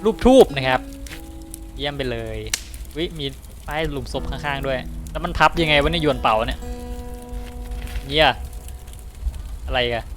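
A man's voice: medium pitch, normal speed, pauses often, faint music behind. A man hosting his gaming channel, muttering and joking to himself through casual gameplay commentary.

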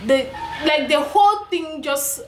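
A woman's voice: sits high, lively intonation, a little slow, a little hiss or hum. Frustrated young woman venting, echoey room. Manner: venting, repetitive, emphatic. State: heavily pregnant. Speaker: vlogger. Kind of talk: personal vlog, talking to camera. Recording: echoey room with faint ambience.

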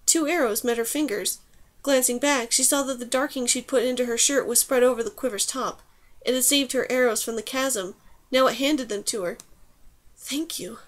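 Woman narrating an audiobook, fairly high.

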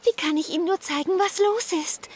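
A woman's voice: very high-pitched, moderate pace, slight background noise. A woman voicing a caring, flustered mother in a children's cartoon dub. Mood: worried. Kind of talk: animated children's cartoon dubbing.

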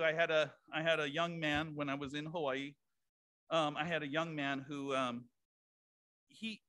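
In a church sanctuary, a male pastor preaches to his congregation conversationally, tossing asides to the room. His voice is on the high side, pushed and bright.

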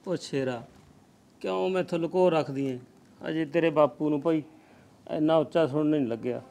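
Guy doing an older poor dad, soft consoling voice, a bit high. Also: moderate pace, creaky. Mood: tender. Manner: gentle, consoling. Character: poor aging father, tender and worried. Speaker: father.

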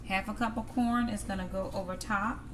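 In this casual cook-with-me clip, a middle-aged woman walks her audience through a homemade dish, easily addressing them as "y'all." She speaks at a moderate pace with a steady tone and normal pitch. The counter-mounted camera picks up background noise and the obvious clanking of pans, plates and utensils.

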